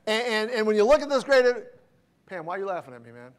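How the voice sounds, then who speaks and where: A male pastor, preaching in a casual, folksy storytelling way and slowing down to read scripture aloud. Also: high voice, lively intonation. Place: church sanctuary.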